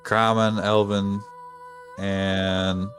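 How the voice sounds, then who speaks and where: Casual tabletop player with a very low voice and a slow, laid-back pace. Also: little pitch movement, a bit bright, faint music behind. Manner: casual, short replies. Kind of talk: tabletop game play.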